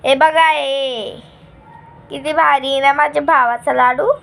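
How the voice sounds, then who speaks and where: A woman's voice: sits high, fairly even intonation, a little slow, gravelly, fairly bright tone. A young woman chatting to viewers as a family vlogger while cooking in her home kitchen. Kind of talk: casual family vlog chat.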